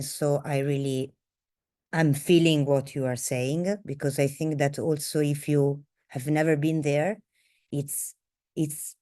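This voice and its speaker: Slow, low-voiced woman moderator. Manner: hesitant, many fillers, soft-spoken. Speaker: seminar moderator. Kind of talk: moderating online seminar. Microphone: video call.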